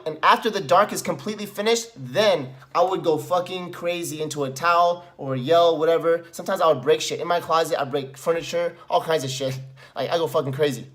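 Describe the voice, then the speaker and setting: Middle-aged man, slightly high voice, blunt and profane, coaching tone with bursts of rage. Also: fast talker, fairly bright tone. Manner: profane, blunt, swings into furious ranting. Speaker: self-help coach. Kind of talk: tutorial with example venting.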